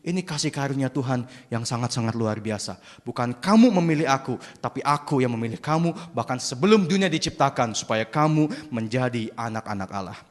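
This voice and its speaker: A man preaching a sermon to a youth congregation as an animated, joking storyteller. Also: medium pitch, a little fast, few pauses. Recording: echoey church hall.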